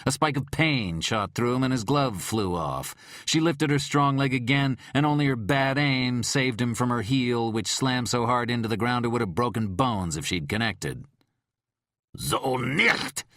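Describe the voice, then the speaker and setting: A man narrating an audiobook thriller in a measured, dramatic storytelling manner. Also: mid-range voice, fairly bright tone, dry recording, studio quality.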